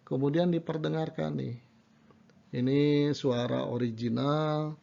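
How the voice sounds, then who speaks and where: A man's voice: medium pitch, creaky, mellow. A middle-aged male university lecturer giving a lecture, explaining step by step and asking himself rhetorical questions. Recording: dull lo-fi recording.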